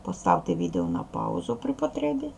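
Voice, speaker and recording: A woman's voice: a bass voice, wildly swooping pitch, gravelly, a little mellow, a little hiss or hum. A woman teaching a recorded reading lesson to young schoolchildren, patient and encouraging. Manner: patient, encouraging, speaks slowly to children. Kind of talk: recorded video lesson for second graders.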